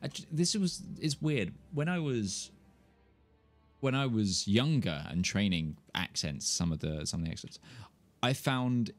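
With faint music in the background, a young male streamer talks at a measured pace in an expressive, medium-pitched, nasal voice. His accent is mildly Kentish southern English, and he rambles, jokes at himself and laughs often while chatting to viewers mid-game. The setting is a home room and gaming chair, with a desk mic before him.

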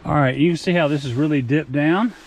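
A man in his fifties talks through a camping gear review in a casual, plainspoken way, often restarting his sentences. His voice sits a little high for a man. He records on an action camera in the woods and in a tent, with faint outdoor ambience behind him. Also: a little fast, slight background noise. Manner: chatty, plainspoken, with frequent restarts. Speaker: outdoor vlog host. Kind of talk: casual product review vlog. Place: outdoors in a forest campsite and inside a rooftop tent.

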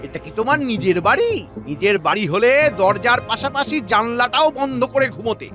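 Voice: mid-range voice, animated, fairly quick, natural voice. A voice actor playing a scheming, fawning royal minister who whines and tattles in a cartoon. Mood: tattling. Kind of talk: cartoon voice acting. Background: background music.

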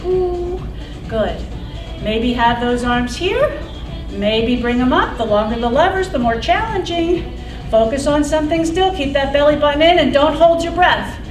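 Casting: female aerobics instructor, high voice, slow deliberate cues, encouraging, middle-aged. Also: expressive. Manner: upbeat, encouraging, counts down repetitions out loud. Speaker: fitness instructor. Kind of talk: aerobics instructor cueing a class. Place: indoor exercise studio with wooden floor. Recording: roomy, distant mic, loud background music. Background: workout music.

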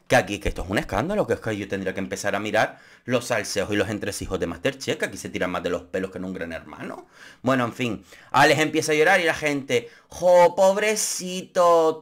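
A man's voice: mid-range voice, a bit bright. A young man from Spain with a Spanish accent, giving a camp, sarcastic running commentary on a reality show and breaking into shrieks and mock voices. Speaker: youtuber commentator.

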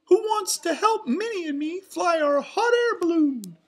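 A woman's voice: extremely high pitch, expressive, unhurried, pitched above the performer's own voice. A woman voicing a cheerful male cartoon mouse with bubbly, exclaiming delivery while reading a storybook. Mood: cheerful, encouraging.

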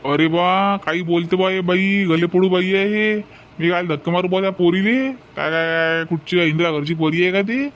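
Guy doing a cocky varhadi young lad, highish fast voice, dull lo-fi sound. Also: steady tone, a bit bright. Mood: defiant. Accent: Varhadi Marathi. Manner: defiant, whining when caught. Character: cheeky young male troublemaker student.

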